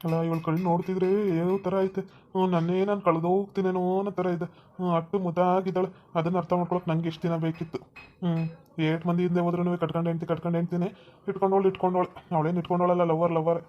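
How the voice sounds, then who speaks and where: A man voicing a tender young husband in a cartoon, speaking softly and affectionately with a North Karnataka Kannada accent. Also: sits high, flat delivery, quick pace, muffled recording, close to an everyday voice. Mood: musing. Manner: soft, affectionate, coaxing. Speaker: husband character. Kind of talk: cartoon voice acting.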